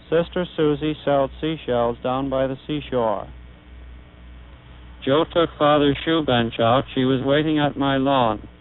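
Heard through a buzzy, synthetic vocoder, a man with a smooth, mid-range voice demonstrates an early speech synthesizer, explaining things in a measured way and reciting test sentences. This technical demonstration survives as a tinny 1930s archival recording with mains hum.

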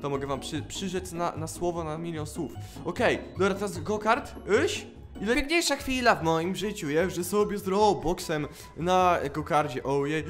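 Gaming host, male, high lively voice, excitable let's-play commentary with faint music behind. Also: moderate pace. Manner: excitable, exclaiming and laughing at the game. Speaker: gaming YouTuber. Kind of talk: live gameplay commentary.

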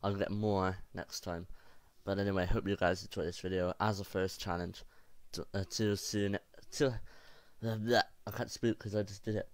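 A young man hosting a casual challenge vlog, talking in a halting, informal way. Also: fairly low pitch, steady tone, dry recording. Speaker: video host. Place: small room indoors.

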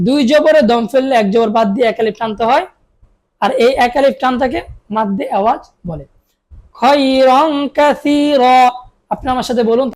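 A woman teaching Quran reading, spelling out syllables and drawing them out slowly, asking questions and answering them herself, with a Bangladeshi Bengali accent. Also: on the high side, darkish tone. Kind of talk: spelling-out recitation lesson.

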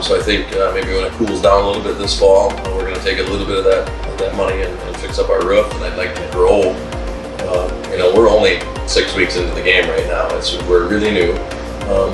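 Speaking plainly with frequent "um"s, a middle-aged Wisconsin man with a low voice answers interview questions about his lumber business. Recorded from a distance, he sits a bit away from the mic in a wood-paneled room, giving his voice a roomy echo, while music plays clearly in the background.

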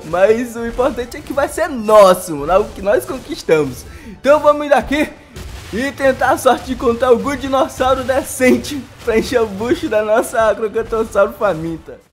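A Brazilian man giving casual gameplay commentary, excitable and often laughing, talking straight to his viewers. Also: very high voice, moderate pace, faint music behind. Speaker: gaming YouTuber.

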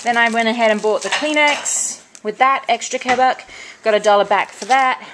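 In a noisy home video full of bag crinkling and clicks, a vlogger casually chats about her shopping haul indoors, listing what she bought, coupons and prices. Her voice is medium-pitched with a fairly bright tone.

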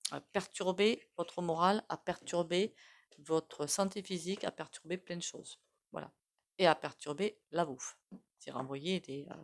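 A woman with a noticeable accent lays out tarot cards and talks them through casually. Her voice sits a bit low, and she wanders into fillers and side remarks. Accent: non-standard French accent. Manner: chatty, many fillers and asides. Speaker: tarot reader. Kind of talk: casual spoken tarot reading.

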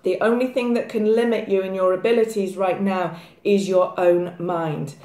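A woman giving a weekly tarot forecast, talking briskly and directly to her viewers in a chatty way. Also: medium pitch, steady tone, a little mellow. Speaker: psychic tarot reader. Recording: echoey room.

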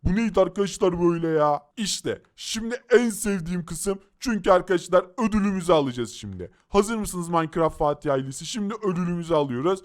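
Excitable high-voiced male game host. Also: a little fast, hardly any pauses. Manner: excitable, exclaiming, talks to viewers.

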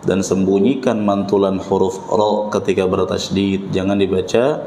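An Indonesian man teaching Quran recitation in a mosque, patiently breaking down sounds and drilling them slowly. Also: low voice, level tone, warm tone. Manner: patient, demonstrates pronunciation slowly and repeats drills. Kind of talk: mosque tajwid lesson. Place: mosque hall. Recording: echoey mosque room with faint hum.

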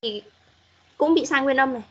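Husky woman teacher on a muffled call. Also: high-pitched, normal speed, fairly bright tone. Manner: patient, corrective, demonstrates pronunciation. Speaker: English teacher. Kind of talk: online class feedback. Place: online class call.

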